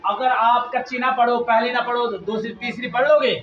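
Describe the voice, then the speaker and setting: A man teaching children to read the Quran, drilling them with repeated questions and loud emphasis, with a Pakistani Urdu accent. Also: very high-pitched, flat delivery, fairly quick. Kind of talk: classroom lesson to children. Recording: echoey, distant, muffled, noisy room.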